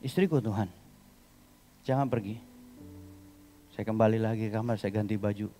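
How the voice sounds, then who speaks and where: A man's voice: steady tone, normal speed, faint music behind. Impassioned preaching man. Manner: emotional storytelling, swinging from loud impassioned cries to low asides. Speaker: pastor. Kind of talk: sermon. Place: church sanctuary.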